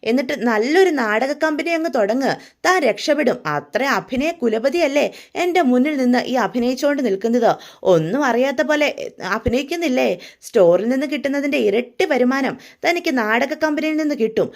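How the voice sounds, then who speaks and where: Woman voicing a scheming middle-aged man, mocking, slow taunting delivery, storybook recap. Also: very high voice, expressive, creaky, exaggerated voice.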